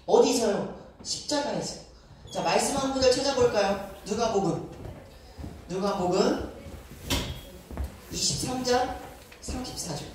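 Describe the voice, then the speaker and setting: A man's voice: high-pitched, measured pace, long pauses, background noise. A male youth pastor preaching a sermon at a church youth service, emphatic and often asking the young listeners questions. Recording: echoey church hall, distant mic, soft music.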